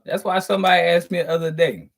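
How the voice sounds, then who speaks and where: A man's voice: high-pitched, steady tone, fast, creaky. A man hosting his channel, giving a profane spiritual monologue to viewers, stressing and drawing out words and chuckling between points. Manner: profane, preachy, emphatic. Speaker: channel host.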